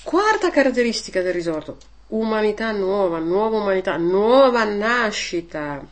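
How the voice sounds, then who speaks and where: A woman's voice: mid-range voice, big pitch swings, normal speed. A woman giving informal religious teaching, conversational, with frequent rhetorical "eh?" tags and hesitant restarts. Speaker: catechist.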